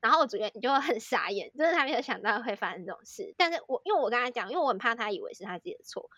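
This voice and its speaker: A young Taiwanese woman tells a long story in rapid, chatty Mandarin, her Taiwanese accent plain and her sentences stitched together with fillers. Her voice sits a little high, and the recording is close and dry with no room sound. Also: lively intonation, a bit bright, dry recording, lo-fi sound. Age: young adult. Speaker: podcast co-host, student in Korea. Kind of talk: casual storytelling chat.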